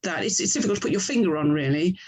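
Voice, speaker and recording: An author and audio drama producer from England speaks as a guest in a conversational interview, thinking aloud and frequently correcting herself as she explains. Her lowish, husky voice has a darkish tone, and she sounds animated, racing along.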